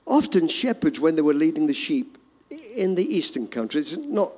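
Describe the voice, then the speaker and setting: Preacher, lively pitch, echoing hall. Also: male voice, moderate pace, breathy edge. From Australia. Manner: swings from loud urgent emphasis to soft hushed storytelling. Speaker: pastor. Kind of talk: sermon. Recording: long hall reverb.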